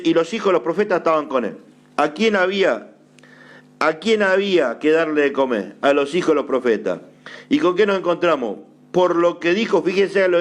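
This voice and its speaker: A man with an Argentine Spanish accent, an apostle preaching a sermon, asking rhetorical questions, answering them himself and repeating phrases for emphasis. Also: on the high side.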